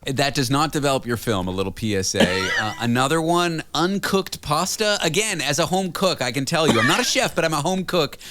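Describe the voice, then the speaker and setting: A man's voice: a little high, expressive, brisk, hardly any pauses, fairly bright tone, a little hiss or hum. A man in his thirties hosting a radio show, chatting casually with rambling, self-deprecating asides. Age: 30s.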